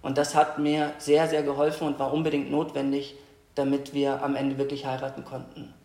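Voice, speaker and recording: A young man from Austria, a guest in an interview, tells his personal story in a hesitant, reflective way with many pauses and restarts. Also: mid-range voice, completely flat delivery, vocal fry, darkish tone. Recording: echoey room.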